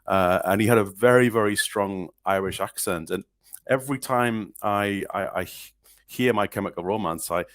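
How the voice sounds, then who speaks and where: Rambling and hesitant, this northeast English man co-hosts a podcast, talking casually about music with frequent restarts and fillers. He speaks at normal speed in a lowish voice, and the studio sound is clean and dry.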